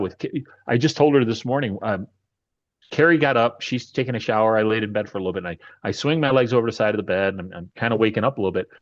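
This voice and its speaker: A man telling a story about his dog in casual conversation, animated and often restarting his sentences. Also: fairly low pitch, muffled recording. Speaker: dog owner.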